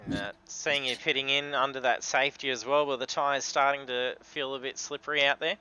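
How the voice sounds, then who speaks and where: A man's voice: mid-range voice, fairly even intonation, a little fast, pushed and bright, highs cut off. An Australian man working as a race commentator and interviewer on a live sim racing broadcast. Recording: clear car noise behind. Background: vehicle noise.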